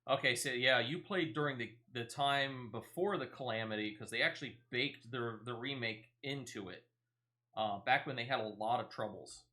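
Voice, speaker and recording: A streamer playing a game talks conversationally with a viewer, using a bright, forceful mid-range voice at a moderate pace.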